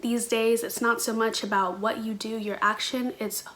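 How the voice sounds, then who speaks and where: An American woman speaks deliberately in an interview statement, listing her points one by one. A faint hiss sits behind her voice. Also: on the high side, little pitch movement, fairly bright tone. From United States.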